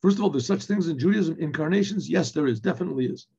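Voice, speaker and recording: A man's voice: on the high side, expressive, quick pace, vocal fry, a little mellow, husky. An older man, a rabbi, teaching a text in a Torah class, asking and answering his own questions and slipping in Yiddish and Hebrew phrases, recorded on a webcam in a room with bookshelves. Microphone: webcam video recording. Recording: dull lo-fi webcam audio.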